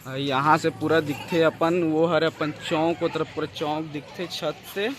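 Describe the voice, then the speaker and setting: A man with a Chhattisgarhi accent narrates a casual outdoor family vlog, touring his house and rooftop while chatting with viewers as friends. His slightly high voice stays level and unhurried. The background is noisy, with music playing.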